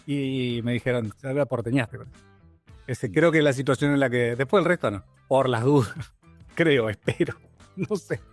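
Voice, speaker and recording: Joking radio co-host. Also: male voice, medium pitch, normal speed, soft background music. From Argentina. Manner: joking, playful banter. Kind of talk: casual radio chat. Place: radio studio.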